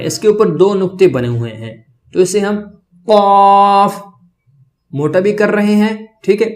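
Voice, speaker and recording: A man with a high voice leads a beginners' reading lesson. He stretches out each letter sound slowly and keeps checking that his learners follow. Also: a little mellow. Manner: slow, drawn-out letter sounds for repetition, checks in often. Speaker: Arabic alphabet teacher.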